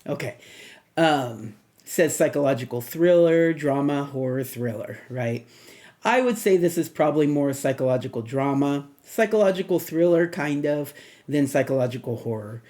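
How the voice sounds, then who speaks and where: Rambling man with a mellow voice. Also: a little high, animated, moderate pace. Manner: rambling, many fillers and restarts. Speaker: movie reviewer. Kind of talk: casual spoken movie review.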